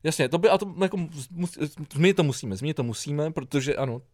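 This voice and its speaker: A man's voice: on the high side, expressive, a little mellow, dry recording, clean studio sound. A man co-hosting a podcast, chatting crudely with choppy, repeated fillers. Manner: crude, repetitive fillers, fragmented. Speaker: podcast co-host. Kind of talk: casual political banter.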